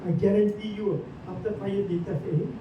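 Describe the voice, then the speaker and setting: Man, casual lecture, asks the audience questions, lots of "ah" fillers, dull muffled sound, rumble behind. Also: fairly even intonation, brisk. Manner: keeps quizzing listeners with questions, many "ah" and "uh" fillers. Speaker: presenter. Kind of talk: informal lecture to a small group. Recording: echoey room, distant mic, dull sound, rumbling noise.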